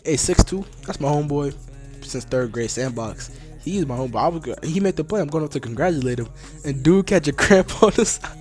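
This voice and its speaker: A young man giving casual, slangy, excitable commentary on his old game footage. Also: on the high side, a little fast, faint music behind. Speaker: vlogger.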